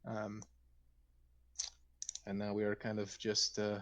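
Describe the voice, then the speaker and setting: A man chatting casually as a player in a tabletop game, relaxed and easygoing. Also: fairly low pitch, takes it slowly, lo-fi sound.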